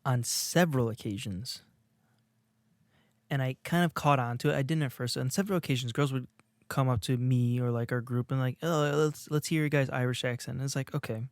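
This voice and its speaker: A young podcast co-host rambles through a casual comedic monologue, mocking himself and restarting sentences again and again. His ordinary middle-pitched voice is brisk and steady. The recording is dry and close, with no echo or room sound.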